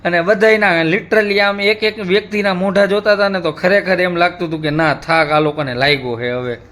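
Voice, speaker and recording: A man's voice: high voice, brisk. A man, hosting a family vlog and casually telling how the day went. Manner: relaxed storytelling, conversational. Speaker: family vlogger. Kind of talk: casual chat.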